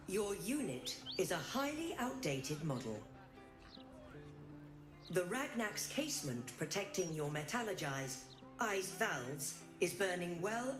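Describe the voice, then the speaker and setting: A woman voicing a stern mechanical city guard construct that speaks in flat, official commands. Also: lowish voice. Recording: echoey game audio. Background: game music.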